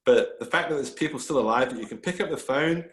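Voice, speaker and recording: Male author guest, mid pitch, rambling and eager, echoey room. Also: quick pace, a bit bright. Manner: enthusiastic, rambling storyteller with many restarts. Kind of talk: casual panel talk. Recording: roomy echo.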